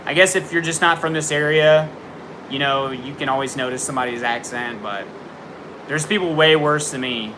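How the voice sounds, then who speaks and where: The voice is a man's, high-leaning and steady in tone, at a normal pace with background noise behind it. A young host on a casual home livestream, he answers viewer questions with frank tough love and frequent fillers. A storm outside his window has him jumpy, startling at every roll of thunder.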